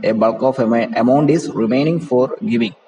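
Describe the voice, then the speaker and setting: A man with an Indian English accent and a mellow, medium-pitched voice reads a play aloud at a moderate pace to teach it. He explains it point by point, often repeating and rephrasing. The room is echoey and reverberant, with background noise.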